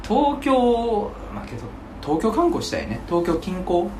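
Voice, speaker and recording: Kansai man, lively casual chat with strong opinions, noisy background. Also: sits high, measured pace. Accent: Kansai Japanese. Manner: animated, emphatic, blunt opinions. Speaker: podcast co-host. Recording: echoey room, noisy background.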